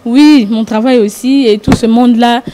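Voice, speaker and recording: A woman dancer introducing herself and giving thanks on live TV in a shy, halting way. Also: a little high, steady tone, background noise. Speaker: dancer, award winner.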